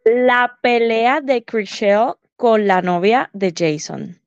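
A woman's voice: on the high side, takes it slowly, smooth, dry recording, dull audio. A woman co-hosting a podcast, chatting casually and acting out quotes with English words mixed in. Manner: animated, acts out quotes, mixes English words. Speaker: podcast co-host. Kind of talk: casual gossip chat.

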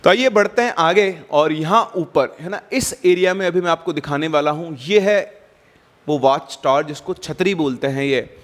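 A man with a slightly high voice tells a story in a relaxed, chatty way while guiding viewers around a ruined fort. He slips in casual asides and English words. His voice rings with a long, echoing reverb. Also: moderate pace. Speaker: travel vlogger and storyteller. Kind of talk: casual on-location tour narration.

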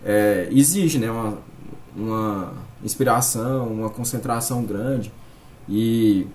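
A man with a Brazilian accent discussing casually, halting often and peppering his explanations with tag words. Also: fairly low pitch, darkish tone. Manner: halting, filler-heavy explaining with frequent "né" and "tipo". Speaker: podcast guest. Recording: faint background noise.

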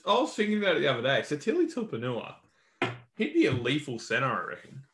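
A man's voice: on the high side, wildly swooping pitch, fast, a crowd in the background. An Australian man co-hosting a podcast, giving a casual, colloquial rundown of sports news in a matey way. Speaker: podcast co-host.

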